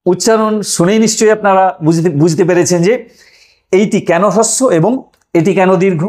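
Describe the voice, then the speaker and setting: A man's voice: sits high, brisk, darkish tone. A man teaching a lesson online, explaining step by step, drawing out sounds and asking listeners questions.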